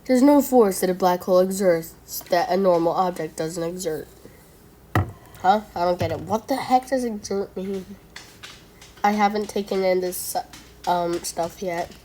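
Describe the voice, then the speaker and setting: A woman's voice: lowish voice, a little slow, dark tone, a little hiss or hum. A woman giving casual reaction commentary, chatty and playful, who argues with herself and trips over long words. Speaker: video creator reacting to school myths.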